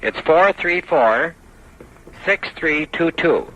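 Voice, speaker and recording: American male police caller, sharp slightly high voice, halting message over a lo-fi vintage phone. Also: animated. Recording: lo-fi 1960s phone call, faint noise.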